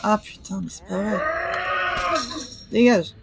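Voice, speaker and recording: A woman casually commenting on a game as she plays, excitable and swearing in her reactions. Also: mid-range voice, takes it slowly, gravelly, heavy background noise. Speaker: streamer. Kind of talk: casual let's play commentary. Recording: game sound echoing behind.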